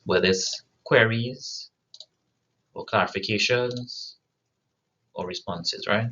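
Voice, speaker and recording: A man's voice: fairly low pitch, fairly bright tone, highs cut off, a little hiss or hum. A man giving a recorded lecture to students, often checking in with "right?" and restarting his sentences. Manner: frequent "right?" tag questions, restarts.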